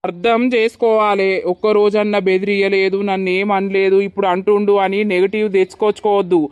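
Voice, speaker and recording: A man's voice: high-pitched, flat delivery, fairly quick, a little mellow, clear, resonant tone, no echo, muffled recording, lightly acted. A man voicing a hot-tempered young village husband in a cartoon, with a blunt, scolding way of talking. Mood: lecturing. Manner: blunt, scolding then pleading. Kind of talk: cartoon voice acting.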